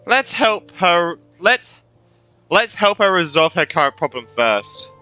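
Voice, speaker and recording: A man casually commenting on a game stream, chatty and quick to laugh. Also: high-pitched, sing-song, pushed and bright. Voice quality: chatty, giggly reactions. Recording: stream audio with game music.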